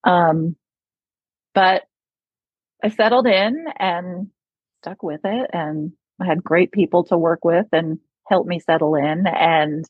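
A woman's voice: fairly low pitch, takes it slowly, breathy edge, no room sound, phone-quality sound. A woman with an upstate New York accent, a speech therapist chatting as a guest in an interview, laughing often and using many fillers. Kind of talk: conversational interview.

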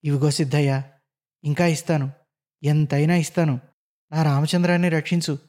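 A man's voice: on the high side, flat delivery, moderate pace, darkish tone, lightly acted. A man voicing a frightened, desperate father who pleads urgently in a spoken story. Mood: begging.

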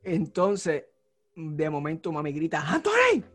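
Animated man telling a story. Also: fairly high pitch, normal speed. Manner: animated storyteller, acts out shouts. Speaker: podcast co-host. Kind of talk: casual storytelling chat.

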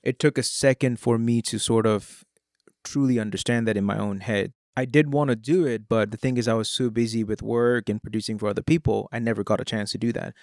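This young man from India, a rapper and producer whose first language is Hindi, talks in a fairly low, brisk voice during a relaxed, casual interview in Oklahoma. His Indian English accent carries British and American traces, and he fills his speech with "you know" and "like". The recording is dry and studio quality.

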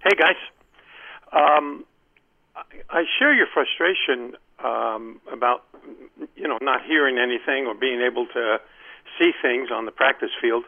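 Over a tinny phone line, a Maryland man calls in to a radio show, his mid-range voice a little slow with long pauses. He talks hesitantly, restarting many times.

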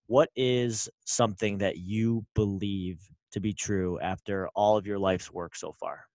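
A man's voice: lowish voice, fairly even intonation, measured pace, darkish tone, no echo. A man hosting an interview, upbeat and encouraging, asking his guest short questions. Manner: upbeat, keeps saying awesome. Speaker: interview host.

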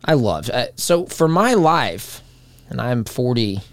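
A man in his forties hosts a talk show, wandering through his thoughts in a loose, conversational way and often restarting sentences. His voice sits in an ordinary middle pitch. It is recorded close and dry, with no room sound. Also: sing-song, slow, no echo. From United States. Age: 40s. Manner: rambling, conversational, many restarts. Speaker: radio talk show host. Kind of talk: casual monologue.

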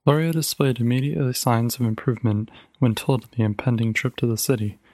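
A man narrates a short story in a steady, even storytelling voice. His pitch sits in the middle range, neither high nor low. The recording is dry and close, with no room sound. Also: a little fast, dry recording. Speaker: podcast narrator. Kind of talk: audiobook reading of a short story.

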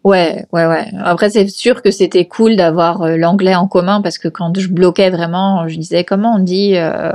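A woman's voice: fairly low pitch, steady tone, normal speed, hardly any pauses, a little mellow. A woman guest talking casually about learning a language, chatty, with many fillers and restarts and easy laughter. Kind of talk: casual conversational interview.

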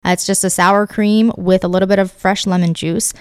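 A woman's voice: medium pitch, steady tone, brisk, smooth, no echo, studio quality. A woman guest explaining a recipe in a chatty, explanatory way. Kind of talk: casual interview.

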